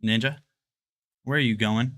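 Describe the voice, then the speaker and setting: Strolling room to room at home, a man in his 20s hosts a livestream and talks to chat in a rambling, chatty way. His voice is medium-pitched, steady, unhurried and a bit bright, with no room sound.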